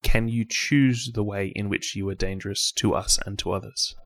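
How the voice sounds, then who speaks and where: A man's voice: fairly low pitch, steady tone, normal speed, a bit bright. A man playing a tabletop game, asking questions hesitantly with many ums. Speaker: player. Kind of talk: casual tabletop play.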